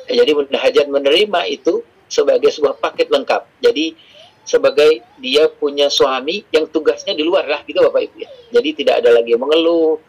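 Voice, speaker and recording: A man's voice: medium pitch, breathy edge, muffled recording. A middle-aged man giving a conversational parenting seminar to fathers and mothers, acting out quoted dialogue as he goes. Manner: acts out quoted dialogue in varied voices. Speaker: parenting class speaker.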